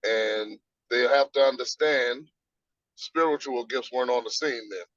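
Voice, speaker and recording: A man's voice: mid-range voice, a little slow, a bit bright, no room sound. Preacherly man on a dull video call. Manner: preacherly, quotes scripture, explains step by step. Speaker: guest. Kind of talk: casual interview, teaching.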